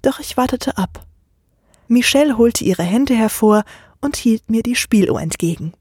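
A woman narrating a scripted first-person horror story in a measured way. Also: on the high side, lively intonation, a little mellow, breathy edge, no room sound, clean studio sound.

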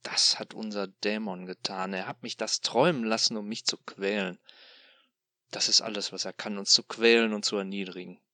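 Bright-voiced man narrating a dark story. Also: on the low side, steady tone, normal speed, dry recording. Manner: hushed, despairing, intense. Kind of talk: dramatic first-person audiobook narration.

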